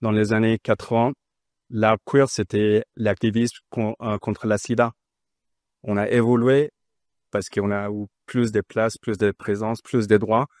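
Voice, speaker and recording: A man speaking on a panel, unscripted, in halting, non-fluent French. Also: lowish voice, level tone, darkish tone, no room sound, studio quality.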